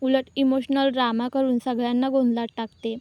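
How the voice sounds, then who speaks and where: A woman's voice: high voice, level tone, brisk, no echo, highs cut off. A woman narrating a scripted recap of a television serial episode, talking directly to the viewers.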